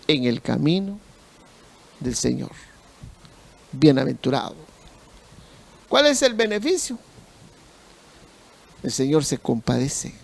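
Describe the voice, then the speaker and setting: A male pastor preaching a sermon slowly, repeating phrases for emphasis. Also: on the high side, gravelly, darkish tone.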